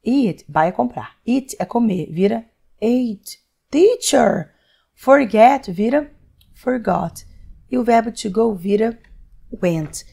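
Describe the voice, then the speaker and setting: Brazilian woman teacher, kinda high voice, chatty online english lesson, keeps asking "right?" and playing the students. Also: lively intonation, creaky, mellow. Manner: chatty, acts out imagined student questions in her own voice; frequent tag questions and drawn-out emphasis. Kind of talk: online lesson explaining grammar.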